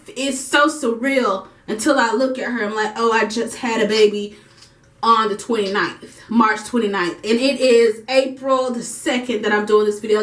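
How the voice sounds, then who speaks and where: A young adult woman telling a personal story in a casual vlog at home, lively and acting out the voices of the people she quotes. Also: a little high. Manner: animated, acts out quoted voices. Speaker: vlogger. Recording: echoey room.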